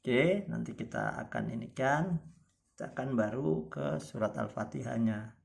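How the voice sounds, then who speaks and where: A man's voice: medium pitch, big pitch swings, moderate pace, vocal fry. A man teaching tajwid, patiently explaining reading marks and stretching out recited example words.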